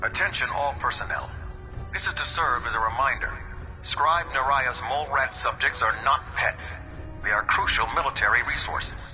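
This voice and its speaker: Game voice: strict base announcer over a loudspeaker, bright sharp tone, dull muffled PA sound with music behind. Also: male voice, mid-range voice, normal speed. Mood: stern. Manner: stern, formal military announcement. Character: male military base announcer, strict and official. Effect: loudspeaker announcement over a PA system.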